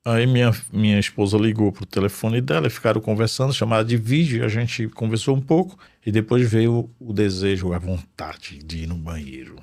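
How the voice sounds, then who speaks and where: A man giving an emotional faith testimony in a studio, earnest, swinging between loud bursts and hushed low tones. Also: fairly quick, few pauses, dry recording.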